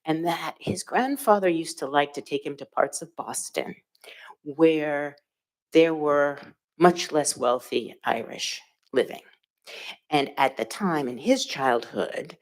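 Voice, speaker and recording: A woman speaking on a panel, telling a reflective story about a former mentor, with frequent pauses and fillers. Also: low-pitched, lively intonation. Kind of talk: panel discussion.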